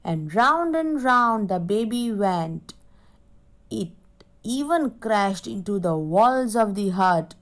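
A woman's voice: medium pitch, lively intonation, takes it slowly. A woman teacher reads a story aloud to her class and stops to explain difficult words to the children. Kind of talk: reading a story aloud in an English lesson.

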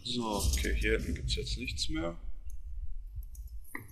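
A man's voice: medium pitch, expressive, unhurried, vocal fry, very noisy. A man hosting a let's play, giving casual gameplay commentary in an offhand, muttering way. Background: game music.

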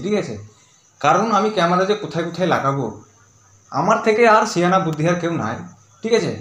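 A young man talking casually to his viewers, often asking for agreement, then speaking low and soft into a phone. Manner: chatty, keeps asking "ঠিক আছে?". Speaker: prank video creator. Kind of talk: casual vlog and staged phone call.

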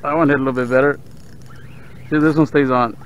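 A man with a South Texas accent giving relaxed running commentary while fishing from a kayak on open bay water, talking to the fish and his viewers. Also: mid-range voice, quick pace. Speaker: fishing vlogger. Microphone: action camera on the kayak. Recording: dull outdoor camera audio with faint water noise.

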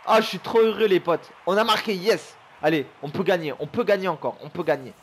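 A young man commentating his own gameplay for viewers, excitable and chummy, swearing and shouting at the game. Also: sits high, brisk, husky. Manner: chummy, keeps calling viewers his pals. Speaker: gaming YouTuber.

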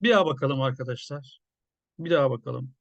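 A man's voice: medium pitch, brisk, creaky, no room sound, dull audio. Musing man with a dry, close voice. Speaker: journalist commentator. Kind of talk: casual video commentary.

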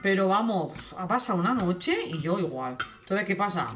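A young woman vlogging casually from her home kitchen, talking quickly and cutting herself off mid-sentence. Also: mid-range voice, lively intonation. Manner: fast, chatty, self-interrupting. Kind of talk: casual kitchen vlog chat. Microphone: camera on tripod.

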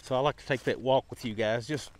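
A middle-aged man talks in a plain, easygoing way and explains his setup step by step, like the host of a casual shooting vlog. His voice sits at an ordinary middle pitch. He is recorded on a camera mic at a covered outdoor shooting bench. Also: steady tone, quick pace, slight background noise.

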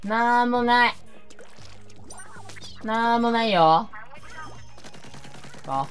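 A woman gaming YouTuber giving excitable game commentary, shouting reactions and talking to viewers. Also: a little high, extremely slow, soft background music.

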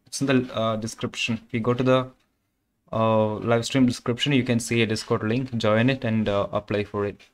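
This young man from Kerala speaks with an Indian accent, Malayalam being his first language. His mid-range voice stays level at a normal speed as he casually chats with viewers on a game stream, full of fillers and loose phrasing. He uses a condenser microphone.

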